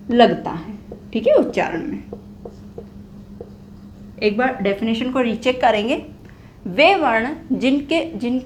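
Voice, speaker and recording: At the whiteboard, a young female teacher explains Hindi grammar, posing her own questions, answering them, and going back over key phrases. Her voice sits high, and there is a slight hiss or hum.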